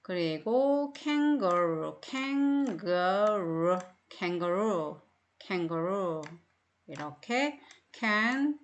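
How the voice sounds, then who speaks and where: A woman's voice: lowish voice, lively intonation, slow. A middle-aged woman teaching phonics in a recorded online English lesson, speaking with a Korean accent and explaining each word patiently with many repeats.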